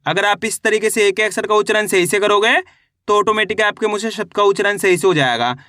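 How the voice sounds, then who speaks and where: Man, high voice, slow syllable-by-syllable drilling, reading teacher, dry close sound. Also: sharp tone, no echo. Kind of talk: spelling lesson for beginners.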